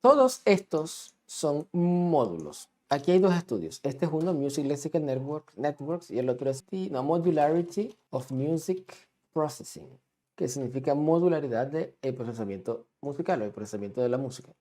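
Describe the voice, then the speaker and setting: Mellow-voiced man teaching a lesson. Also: on the high side, lively intonation, normal speed. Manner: patient, checks in often with "¿ok?" and "¿no?". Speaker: music teacher. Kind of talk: explanatory lesson, drawing on a diagram.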